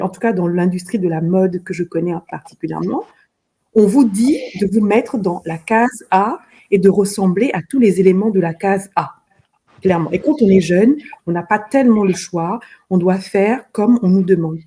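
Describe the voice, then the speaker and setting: A woman's voice: mid-range voice, fairly quick, dark tone, breathy edge. A middle-aged woman from Benin, a fashion designer, talking earnestly in an interview and often repeating words as she searches for them. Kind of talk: interview conversation.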